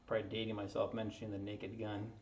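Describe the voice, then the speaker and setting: A man speaks quickly in a lowish monotone, with a little hiss or hum, while assembling a 3D printer kit for his maker channel. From his home basement workshop he keeps up casual, self-deprecating chatter and chuckles often. The recording, made by a camera on a tripod across the table, is roomy, distant and a bit dull.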